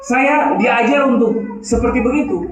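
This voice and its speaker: A man delivers an emphatic sermon, calling out rhetorical questions to the congregation. His voice sits fairly high for a man. It rings through a very echoey church hall, picked up from some distance off the mic. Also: unhurried, slight background noise. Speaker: preacher.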